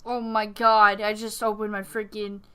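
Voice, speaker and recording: A woman co-hosting a casual gaming podcast, excitable and quick to laugh, often talking over the others. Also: medium pitch, clear, resonant tone. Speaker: podcast co-host.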